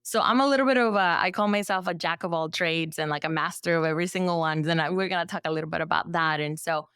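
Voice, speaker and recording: A woman's voice: lowish voice, quick pace, fairly bright tone, clean tone, dry recording, clean studio sound. A woman from El Salvador, a therapist and business owner, chatting as a podcast guest and filling her talk with "like" and "you know.". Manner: chatty, filler-heavy with frequent "like". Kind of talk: casual interview conversation.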